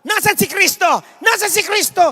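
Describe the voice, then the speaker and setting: A man's voice: very high-pitched, normal speed, big-room sound, pitched above the performer's own voice, heavily acted. A man playing a stubborn ninety-year-old woman. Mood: indignant. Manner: pleading, then indignant and shouting.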